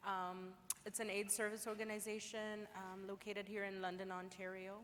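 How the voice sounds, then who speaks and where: A woman's voice: medium pitch, level tone, moderate pace, a bit bright, a little hiss or hum. Heartfelt woman from Zimbabwe. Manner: heartfelt, personal. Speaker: client support services manager, panelist. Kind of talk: panel self-introduction. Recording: reverberant hall with faint ambience.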